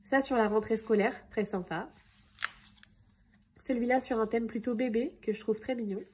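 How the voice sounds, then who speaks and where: A woman scrapbooking vlogger chatting casually through a product haul, with frequent filler pauses. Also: on the high side, steady tone, warm tone, a little hiss or hum. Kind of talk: casual haul video narration.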